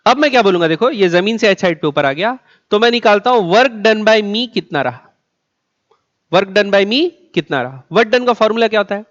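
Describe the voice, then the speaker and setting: A man's voice: high voice, lively intonation, normal speed. A man teaching a physics class, asking the students questions and answering them himself, stretching words out and repeating key terms. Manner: drags out words for emphasis. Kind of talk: classroom lecture. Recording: dull lo-fi sound.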